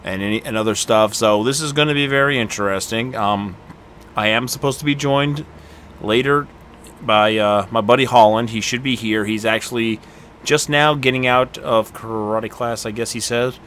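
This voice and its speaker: A man's voice: mid-range voice, normal speed, slight background noise. A man casually commenting on a video game as he plays, rambling with lots of fillers. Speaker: game streamer. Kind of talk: casual let's-play commentary. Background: loud video game music.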